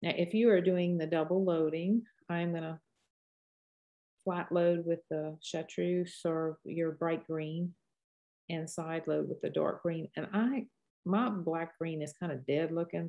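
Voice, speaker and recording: A woman's voice: on the low side, vocal fry, mellow. A woman in her sixties with a Cajun accent, teaching painting casually and thinking aloud as she works in a folksy, rambling way. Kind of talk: casual live painting tutorial.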